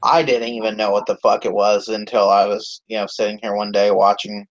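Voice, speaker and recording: A man's voice: lowish voice, little pitch movement, fairly quick. A man hosting his own channel's live stream, chatting casually and rambling with lots of swearing and fillers. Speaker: YouTube channel host. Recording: dull lo-fi stream audio.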